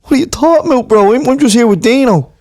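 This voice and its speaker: A man's voice: extremely high pitch, expressive, fast, warm tone, voice pushed up. A man playing a brash young male party lad who bluffs and stammers through slangy banter. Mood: defensive.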